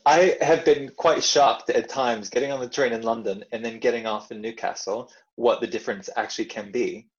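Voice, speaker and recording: Texan man, guest advice-giver, relaxed and good-humored, heard over a slightly muffled line. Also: mid-range voice, moderate pace, hardly any pauses. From Dallas, Texas. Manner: easygoing, laughs softly. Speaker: guest agony uncle. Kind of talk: casual chat.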